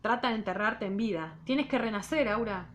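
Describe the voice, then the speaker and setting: A woman's voice: on the high side, moderate pace, a little hiss or hum, lightly acted. A woman reading the part of an insistent young man aloud from a novel. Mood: urgent.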